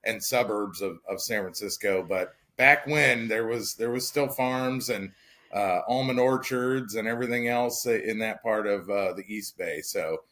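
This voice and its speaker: A man co-hosting a podcast, telling stories in an easygoing, casual way, pausing often with "uh". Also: on the low side, fairly bright tone. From Missouri, raised in Northern California. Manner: easygoing storyteller, frequent "uh" pauses. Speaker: podcast co-host.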